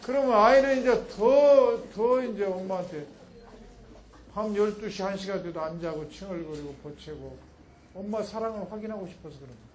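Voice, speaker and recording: Animated male lecturer, high voice. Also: a little fast, slight background noise, rough recording. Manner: animated, acting out mother and child in quotes. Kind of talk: public lecture.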